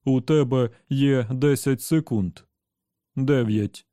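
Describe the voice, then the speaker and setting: A man voicing an enraged, blinded male servant robot who shouts slow, drawn-out threats. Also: mid-range voice, no echo, clean studio sound, close to an everyday voice. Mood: cold, gloating.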